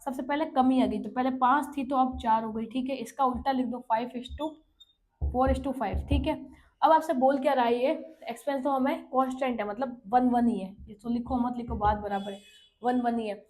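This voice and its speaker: A woman teaching an exam-prep maths lesson, working through problems step by step, often checking in with "okay" and reading English questions out slowly. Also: on the high side, steady tone, a little mellow. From India. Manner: explains step by step, checking with "ठीक है".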